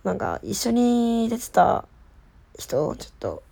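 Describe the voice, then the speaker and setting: A woman's voice: a little high, wildly swooping pitch, takes it slowly, vocal fry, warm tone. A woman with a slightly stuffed-up, nasal voice, chatting casually and playfully to listeners as an idol host. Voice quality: nasal from a cold. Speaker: idol group member hosting her solo talk show. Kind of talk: casual solo chat to listeners.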